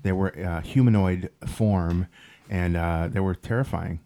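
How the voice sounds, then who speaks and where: A man's voice: low voice, a little slow, dark tone. A man co-hosting a casual group podcast, telling a story in a rambling, chuckling way. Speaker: podcast co-host.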